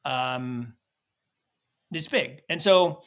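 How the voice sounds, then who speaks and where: Drawing out his words, an American man co-hosts a podcast, chatting casually and animatedly about markets and travel while often restarting sentences. His medium-pitched voice is smooth and a bit bright.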